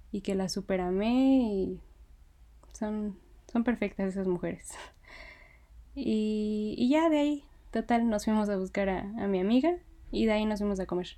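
A young woman with a Mexican Spanish accent casually telling a story, excited, laughing often and using many fillers. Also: medium pitch, moderate pace.

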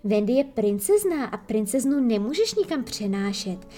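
A woman's voice: a little high, sing-song, warm tone, faint music behind. A woman voicing a proud, bossy boy leader who speaks sternly and solemnly. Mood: stern, commanding.

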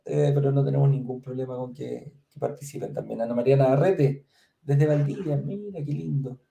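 A man's voice: medium pitch, fairly quick, gravelly, warm tone. A man co-hosting a live stream, reading viewer comments aloud with casual asides. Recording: roomy echo.

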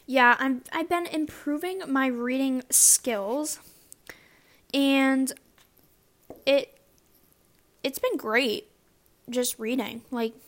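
A young woman student chatting casually to camera, rambling with lots of fillers and restarts. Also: high voice. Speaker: student vlogger.

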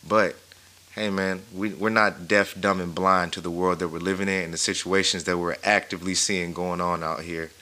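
A man's voice: low voice, steady tone, normal speed, pushed and bright. A man co-hosting a podcast, backing up his partner and then speaking at length in an encouraging, preachy way. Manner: supportive, affirming, preachy at length. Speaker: podcast co-host. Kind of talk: casual chat.

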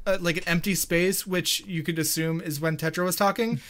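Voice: medium pitch, steady tone, fairly quick, a bit bright. Rambling young podcast co-host. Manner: rambling, hedging with "like", bursts into silly voices. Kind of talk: casual gaming chat.

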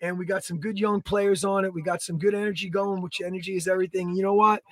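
A man, co-hosting a podcast in energetic, rambling casual chat. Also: high voice, quick pace. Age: 30s. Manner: energetic, rambling, plugs products. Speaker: podcast co-host.

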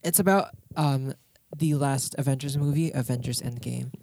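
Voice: mid-range voice, normal speed, a little mellow. A teenage student co-hosting a casual school podcast, chatting with lots of fillers and laughter. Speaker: student co-host.

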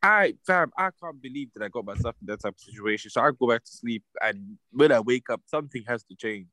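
A man's voice: mid-range voice, expressive, quick pace, sharp tone, dry recording, poor audio. A young man with a London roadman accent, bantering casually in street slang and insisting on his points by repeating himself.

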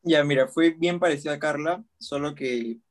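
A young man talks in casual chat. His voice sits a little high. He speaks in an easygoing, halting way. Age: young adult.

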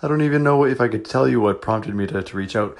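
A man's voice: medium pitch, fast, gravelly. A man and fellow podcaster leaving a casual voice message, slightly hesitant.

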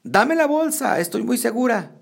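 A man voicing a young woman in a storybook reading, lifting his voice higher and lighter for her. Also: big pitch swings, normal speed, vocal fry, heavily acted. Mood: eager. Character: young woman, trembling but bold.

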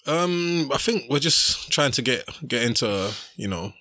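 A man's voice: mid-range voice, animated, unhurried, sharp tone, dry recording. A young man with a London roadman accent, chatting casually on a podcast in slangy, repetitive short phrases. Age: young adult. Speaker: podcast speaker.

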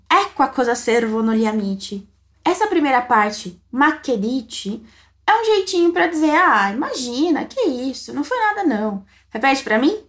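A woman teaching Italian phrases, encouraging the listener and saying model sentences slowly to be repeated. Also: high voice. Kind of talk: language lesson narration.

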